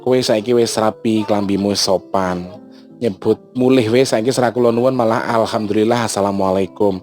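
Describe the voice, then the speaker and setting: Animated man telling a story. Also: on the low side, moderate pace, soft background music. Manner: animated, mixes in Javanese, frequent exclamations. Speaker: channel host. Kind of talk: casual storytelling vlog.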